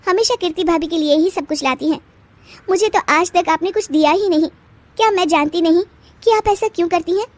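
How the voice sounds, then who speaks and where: एक महिला द्वारा निभाई तेज़-तर्रार, बहस करने वाली नई बहू. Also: female voice, no room sound. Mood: defiant. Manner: sharp, sarcastic retorts, high and fast. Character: feisty young wife, quick to argue back. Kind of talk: storybook voice acting.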